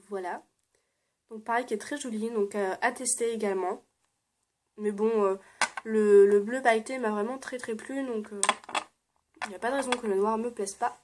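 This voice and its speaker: A young woman with a slightly high voice talks easily and casually to her viewers in a vlog. She fills her pauses with soft hesitations, often laughs, and now and then drops to a quiet murmur. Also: background noise. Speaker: beauty vlogger. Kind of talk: casual show-and-tell vlog.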